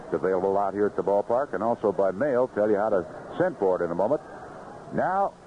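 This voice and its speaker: This ballpark radio broadcast, noisy and muffled like vintage AM, features an American man calling play-by-play live. He speaks on the low side, animated and at a quick pace, from the broadcast booth.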